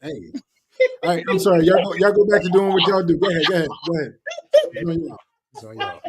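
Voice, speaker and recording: Hype dude, repeats himself, voice bounces all over. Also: male voice, high voice, sing-song, fast talker, gravelly, a crowd in the background. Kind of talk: casual chat.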